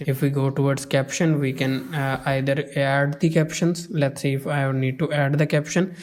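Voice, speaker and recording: A man giving a step-by-step screen-recorded software tutorial, often pausing on "uh" and "you can say". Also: medium pitch, little pitch movement.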